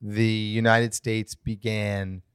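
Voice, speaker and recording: A man co-hosting a casual podcast chat, explaining current events in an animated, swinging way. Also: on the low side, slow, clean tone, no room sound, studio quality. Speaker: podcast co-host.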